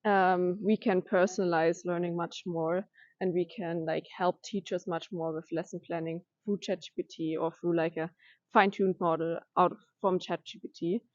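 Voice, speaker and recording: A young woman from Germany, a master's student being interviewed, answering thoughtfully with pauses and restarts. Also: on the low side, steady tone, darkish tone, no echo, dull audio. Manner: thoughtful, hesitant, with many fillers and restarts. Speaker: interviewee, education data science master's student.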